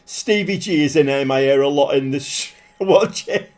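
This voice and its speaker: A man chats with his viewers in a relaxed way while live-streaming a football management game. He's self-mocking, gets excited quickly, and his voice leans high.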